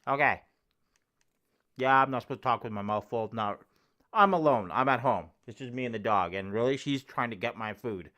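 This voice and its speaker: A man's voice: mid-range voice, a little fast, pushed and bright. A man, rambling offhand and crude as he demonstrates a homemade microphone cover in his living room. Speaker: vlogger testing gear. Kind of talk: casual home demo. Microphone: close desk microphone with homemade foam cover.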